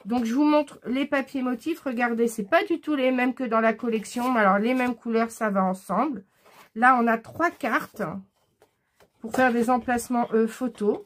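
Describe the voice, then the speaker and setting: A woman speaks in a slightly high voice as she goes through her scrapbooking haul. She sounds keen but hesitant, and she pauses often with "euh."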